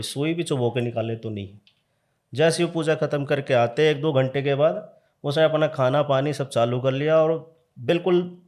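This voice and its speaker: A man with a mid-pitched voice tells a true horror story as a podcast guest. His telling is casual and lively, and he acts out each voice in the dialogue. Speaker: tantric practitioner, podcast guest.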